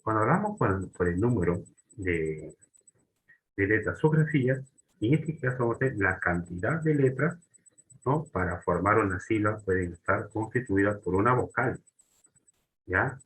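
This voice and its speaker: A man's voice: fairly low pitch, animated, moderate pace, a bit bright, low-quality recording. A man teaching a grammar lesson, often restarting and checking in with short questions.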